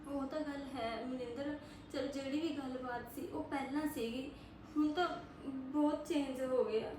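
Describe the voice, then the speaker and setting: A woman's voice: sits high, steady tone, moderate pace. Tearful woman in an echoey room. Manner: grieving, tearful, resigned. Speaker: actor in a family web drama. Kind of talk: scripted family drama dialogue. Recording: echoey room, far from mic, background noise.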